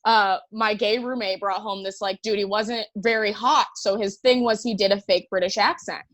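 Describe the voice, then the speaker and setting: A woman's voice: medium pitch, steady tone, normal speed, a bit bright, no echo. A brash woman co-hosting a casual podcast chat, telling stories and swearing freely. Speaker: podcast co-host.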